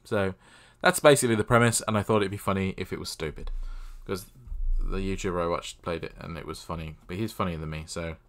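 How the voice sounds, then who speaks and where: A young man casually playing a text adventure, reading the game's text aloud and adding deadpan, self-mocking asides at a desk mic. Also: sits low, a little fast, few pauses. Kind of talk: casual let's-play commentary.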